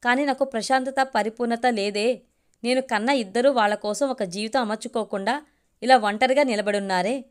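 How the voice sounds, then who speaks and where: A woman's voice: on the high side, normal speed, clean tone, natural voice. A woman voicing a scolding anxious mother. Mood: pleading.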